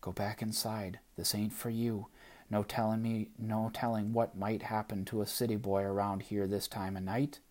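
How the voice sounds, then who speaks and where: A man voicing the night wind as a hushed, ominous spirit in an audiobook. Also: fairly low pitch, little pitch movement, moderate pace, close to an everyday voice. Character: whispering warning night wind.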